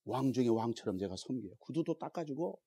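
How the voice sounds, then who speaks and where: A man, a Korean pastor, preaching a sermon with animated delivery that swings between loud exclamations and hushed prayer. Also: medium pitch, a little fast, breathy edge. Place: church sanctuary.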